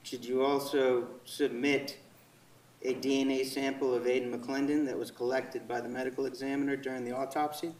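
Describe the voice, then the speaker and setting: A male attorney questions a witness in a formal, methodical way, step by step. His mid-pitched voice sounds far from the microphone in a very echoey courtroom. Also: little pitch movement, moderate pace, a little mellow. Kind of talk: courtroom direct examination. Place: indoor courtroom.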